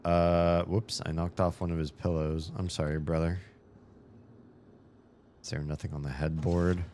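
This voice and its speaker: A man streams a video game with casual let's-play commentary, his low, mellow voice barely shifting in pitch and moving a little slowly. He rambles, thinks aloud, swears and laughs as he goes, sounding slightly hoarse, with slight background noise.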